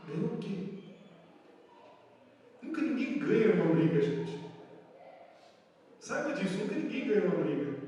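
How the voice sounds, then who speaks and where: A man's voice: high voice, darkish tone, a little hiss or hum. A man with a Brazilian Portuguese accent, a pastor preaching a sermon in a conversational way, often asking "Amém?" and acting out quotes. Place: church hall. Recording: echoey church hall, mic far off.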